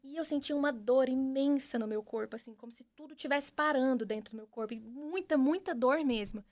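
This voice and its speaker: A young woman with a Brazilian Portuguese accent, a podcast guest giving an earnest, animated personal testimony with frequent restarts. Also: high-pitched, fairly quick. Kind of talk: personal testimony in casual conversation.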